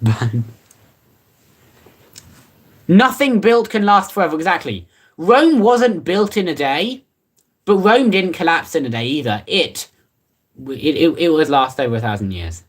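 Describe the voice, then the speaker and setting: Casual streamer with an animated, up-and-down delivery. Rambles offhand, dry and teasing. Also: medium pitch, a little slow, pauses often. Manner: rambling and offhand, many fillers and restarts. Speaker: livestreamer. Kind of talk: casual livestream chat, reading comments.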